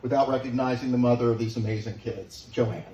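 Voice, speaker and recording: A middle-aged man giving a father of the bride wedding speech, sincere and affectionate, with deliberate pauses for the guests. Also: mid-range voice, fairly even intonation, highs cut off. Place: large room at a wedding reception, guests present. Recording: echoey, noisy room, distant microphone.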